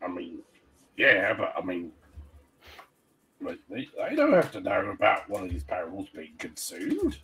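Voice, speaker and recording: A man's voice: deep voice, huge pitch swings, a little slow, vocal fry, pauses often, a bit bright, slight background noise, poor audio. A man playing a tabletop role-playing game, speaking casually and partly as his character. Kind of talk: casual role-play chat.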